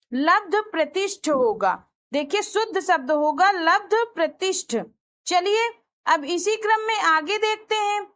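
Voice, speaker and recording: A woman's voice: extremely high pitch, a bit bright. A woman teaching, working through exam practice questions one by one and repeating each answer as she explains it. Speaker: Hindi teacher.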